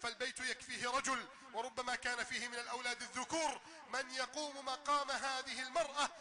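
Male preacher, very high and sharp-toned, loud, declaiming, shouting at the peaks. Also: little pitch movement, fast. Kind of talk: impassioned sermon storytelling.

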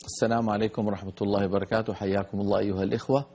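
A man hosting a broadcast Quran recitation lesson, explaining pronunciation and slowly drawing out letters and words to demonstrate them. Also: lowish voice, flat delivery, warm tone, slight background noise. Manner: slow, drawn-out demonstration of letter sounds. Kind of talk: tajweed lesson on a broadcast program.

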